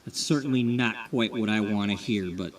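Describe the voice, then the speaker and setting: A man's voice: lowish voice, moderate pace, recorded from a distance, slight background noise, natural voice. A man voicing an impatient, demanding woman client in a life-sim game story.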